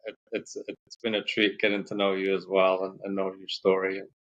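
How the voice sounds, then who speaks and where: A man from Morocco, a podcast guest, telling his story in a relaxed, rambling way with many fillers. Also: deep voice, brisk, dull audio. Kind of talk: casual storytelling interview.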